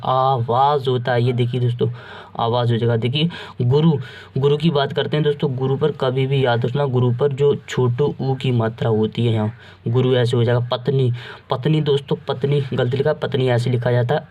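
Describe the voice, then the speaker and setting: A man's voice: medium pitch, a little mellow. A man teaching Hindi spelling, who keeps asking and answering his own questions and calls his listeners friends. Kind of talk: spelling lesson.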